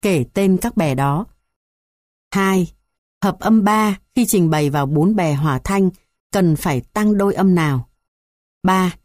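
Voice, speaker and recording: A woman reading a music theory textbook aloud in an even, measured way, going through numbered points. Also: lowish voice, no echo, clean studio sound. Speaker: textbook reader.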